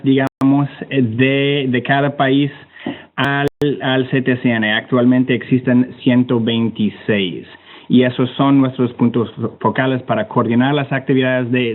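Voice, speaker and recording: On a webinar call, this Canadian-accented climate tech representative gives a loose, slide-based talk as a panelist. His mid-range voice comes in hesitant bursts, with words repeated while he hunts for the right ones. The online audio is thin and tinny, much like a phone.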